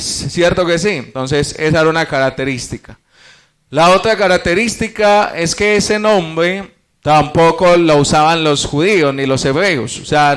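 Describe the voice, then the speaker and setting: A man's voice: fairly high pitch, a bit bright, clean tone. A man teaching a church Bible study class, explaining step by step, posing rhetorical questions and addressing the congregation as brothers.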